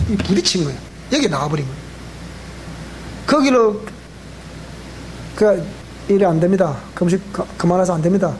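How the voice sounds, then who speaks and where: Male pastor, Gyeongsang accent, lively storytelling sermon, faint hiss behind. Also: high voice. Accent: Gyeongsang Korean. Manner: animated, acts out dialogue, laughs often. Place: church sanctuary.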